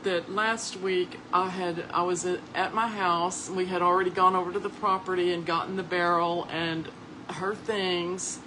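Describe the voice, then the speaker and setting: A chatty, folksy host speaks in a fairly low, hoarse voice at a normal pace and a level tone, addressing livestream viewers as though they were relatives. She keeps things relaxed with homespun remarks. Background hiss is clearly audible.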